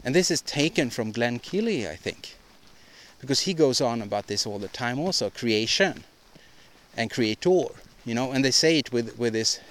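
A man's voice: medium pitch, lively intonation, a bit bright. Rambling man on a solo podcast. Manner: halting, rambling, frequent restarts and repeated words; opinionated, ranting delivery. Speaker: podcast host.

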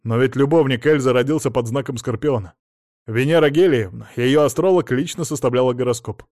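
A man's voice: medium pitch, fairly quick, a little mellow, dry recording, studio quality, natural voice. A man reading an audiobook, voicing a curt, irritated investigator on the phone. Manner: curt and sour.

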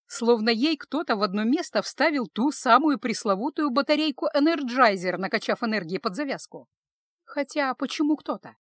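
A woman narrating an emotional story in an expressive, dramatic reading style. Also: on the high side, no echo.

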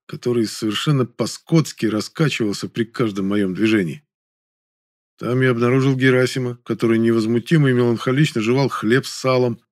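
A man reading a first-person novel aloud in a wry, lively storytelling manner. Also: medium pitch, no echo, studio quality. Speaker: audiobook narrator.

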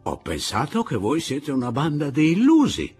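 A man's voice: medium pitch, big pitch swings, measured pace, breathy edge, faint music behind, voice pushed up, exaggerated voice. A man doing a drunken, sneering Pablo. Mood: mocking. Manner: mocking, taunting, raised and loud. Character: drunken sneering male guerrilla, middle-aged, bitter.

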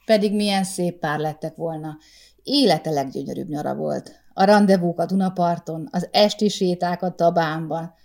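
A woman reads a short story aloud, with a calm, measured delivery. Her voice sits low and sounds mellow and warm. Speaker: audiobook narrator. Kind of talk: scripted short-story narration.

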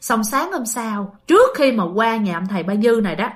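A woman's voice: on the high side, big pitch swings, a little fast. A woman narrating a ghost story in a chatty way, often turning to her listeners. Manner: chatty, addresses listeners directly.

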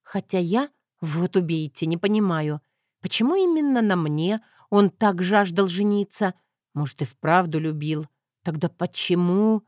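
Woman, audiobook narrator, steady wry reading, dry close sound. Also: lowish voice, unhurried, no echo. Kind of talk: first-person audiobook narration.

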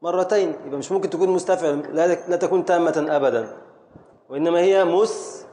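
Middle-aged Egyptian man, slightly high voice, drills poetic metre in a classroom, slow and questioning. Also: dark tone, a little hiss or hum. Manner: slowly drawing out words to scan metre, quizzing students. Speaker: teacher of Arabic prosody. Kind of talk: classroom lesson.

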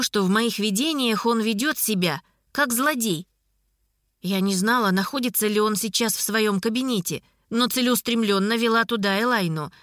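A woman's voice: mid-range voice, fairly bright tone, no room sound, studio quality. Wry woman narrating an audiobook. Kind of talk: first-person scripted narration.

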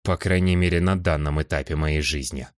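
A male audiobook narrator with a very deep voice, reading fantasy in a calm, measured first-person way. The sound is dry and close, with no room echo.

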